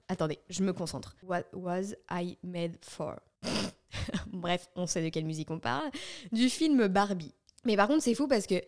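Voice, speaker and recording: A woman's voice: medium pitch, a little mellow. A young woman from France hosting her own solo podcast, chatty and self-questioning, stopping for small asides. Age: young adult. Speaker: podcast host.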